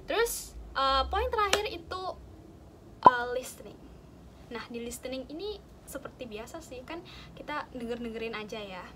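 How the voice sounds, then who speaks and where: A woman's voice: high voice, lively intonation, moderate pace, sharp tone, slight background noise. A young woman casually explaining study tips to a friend, chatty and full of fillers and examples. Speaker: student sharing study tips.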